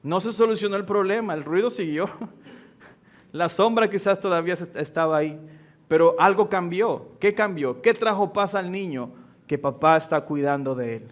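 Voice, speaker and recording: A man in his thirties delivers a church sermon with a fairly high, light voice. He preaches earnestly and slows down to press home the key lines. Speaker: pastor. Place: church sanctuary.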